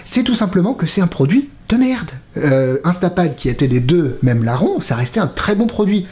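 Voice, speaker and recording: Man, magic trick reviewer, exasperated, animated, swings up and down in pitch, roomy echo. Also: normal speed. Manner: exasperated, animated, swearing, laughing. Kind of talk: casual spoken review.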